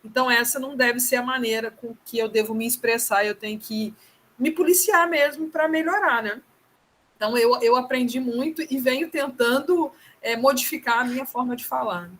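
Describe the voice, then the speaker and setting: A woman's voice: on the high side, moderate pace, a bit bright. A Brazilian woman taking part in a discussion, sharing thoughtful comments and often checking in with tag questions. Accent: Brazilian Portuguese. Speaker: participant in the discussion. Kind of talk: casual reflective comment.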